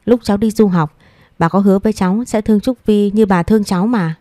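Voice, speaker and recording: A woman's voice: medium pitch, fast talker, mellow, no echo, clean studio sound, voice pushed up, natural voice. A woman reading as an earnest young granddaughter. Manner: earnest, pleading. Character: young woman, kind granddaughter just back from study.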